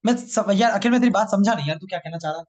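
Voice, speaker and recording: High pitched guy teaching a live coding class, teasing the students, says stuff twice. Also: racing, darkish tone. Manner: teasing, repeats each line twice, mixes English terms into Hindi. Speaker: programming teacher.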